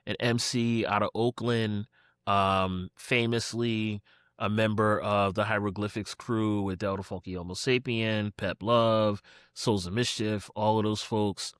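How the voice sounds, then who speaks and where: A man's voice: on the low side, steady tone, a little slow, fairly bright tone, clear, resonant tone, no echo, clean studio sound. A man from Philadelphia, a podcast guest, talking casually about music with lots of fillers and acted-out quotes. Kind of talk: casual conversation.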